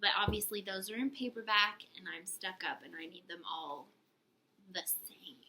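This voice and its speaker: A woman's voice: mid-range voice, brisk, sharp tone, a little hiss or hum, low-quality recording. A young woman co-hosting a casual book haul video, chatty and giggly, teasing herself as she talks. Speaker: book channel co-host.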